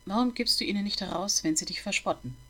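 A woman's voice: medium pitch, fast, fairly bright tone, natural voice. A woman voicing a grumbling old male bookseller who questions a boy with disapproval. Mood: gruff, probing. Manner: gruff, interrogating, disapproving.

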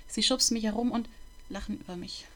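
A timid, withdrawn schoolboy who answers softly and hesitantly, as a woman reads him in a storybook. His voice sits higher than the narration, with a bright, tense edge. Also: brisk, natural voice. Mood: timid, hurt. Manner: hesitant, quiet, subdued.

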